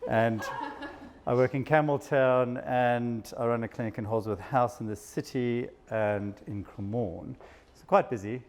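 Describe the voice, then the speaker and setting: In a room full of listeners, a psychiatrist from South Africa delivers a casual, self-deprecating talk with plenty of laughs. His mid-range voice stays steady and unhurried, carrying a South African accent.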